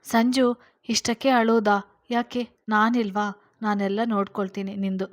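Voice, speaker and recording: A woman's voice: mid-range voice, little pitch movement, measured pace, natural voice. A woman voicing a scheming, confident older sister in a storybook reading, talking in a reassuring, commanding way.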